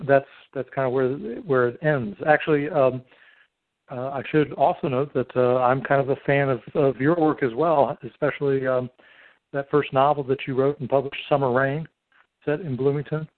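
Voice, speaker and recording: A middle-aged man hosts a casual three-way phone call. He talks in a halting, wordy way at an average pitch. The sound is thin and tinny, like a dry phone line. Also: fairly even intonation, dry recording. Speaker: podcast host. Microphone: telephone call.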